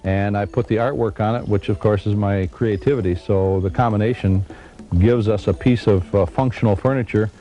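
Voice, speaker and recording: Fifties, male artist, low mellow voice, relaxed storyteller with pauses. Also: faint music behind, low-quality recording. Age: 50s. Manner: relaxed storyteller with hesitant fillers. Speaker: artist and furniture maker. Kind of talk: casual interview.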